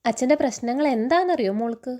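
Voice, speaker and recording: A woman's voice: high-pitched, animated, fast talker, warm tone. A woman reading a stern middle-aged father. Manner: stern, threatening.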